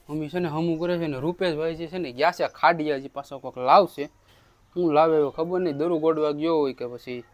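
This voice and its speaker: A man's voice: medium pitch, a little hiss or hum. A young man with a Gujarati accent, casually narrating a village vlog outdoors and chatting to his viewers. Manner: chatty, addresses viewers as friends. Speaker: vlogger.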